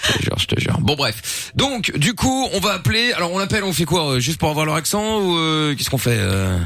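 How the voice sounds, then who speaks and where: Fast bright-voiced male radio host. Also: fairly high pitch, big pitch swings, no echo. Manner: fast, jokey, swears casually. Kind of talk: joking live radio banter. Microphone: studio microphone.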